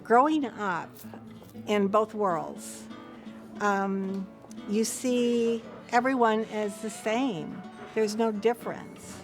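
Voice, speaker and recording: An older woman in her seventies talks slowly and reflectively, taking her time over each thought. Music plays quietly behind her interview. Her tone stays calm and steady. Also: medium pitch. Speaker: longtime member of a women's association. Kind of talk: interview testimonial.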